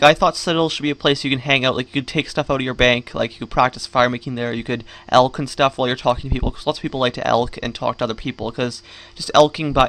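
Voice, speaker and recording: A man's voice: mid-range voice, a bit bright. A man giving casual, rambling, grumbling game commentary while talking with a sore jaw and swollen cheeks. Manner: rambling, griping. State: sore jaw, swollen cheeks after wisdom tooth surgery. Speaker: gaming vlogger.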